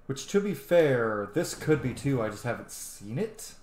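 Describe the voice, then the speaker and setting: This gaming streamer talks in a mid-range, sing-song voice that's slightly slow and mellow. As he plays, his let's-play commentary wanders casually, full of gushing and free swearing, against a roomy echo and faint background noise.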